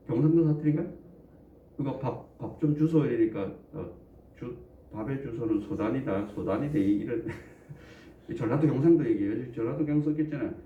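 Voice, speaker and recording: A man preaching a sermon in a conversational way, often putting questions to the congregation and joking between points. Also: mid-range voice. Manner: jokes and chuckles between points. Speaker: pastor. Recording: echoey room, distant dull mic.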